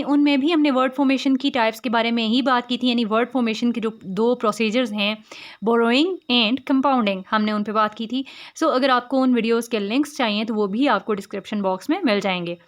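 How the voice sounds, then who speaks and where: Patient woman teacher, slightly high voice. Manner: patient, repeats words slowly syllable by syllable. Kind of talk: explaining word formation in Hindi-English mix.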